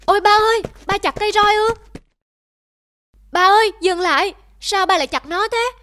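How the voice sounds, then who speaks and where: A woman voicing a young girl in a children's cartoon, pleading in a high, whiny way. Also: fairly quick, slight background noise. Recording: loud music bed behind voice.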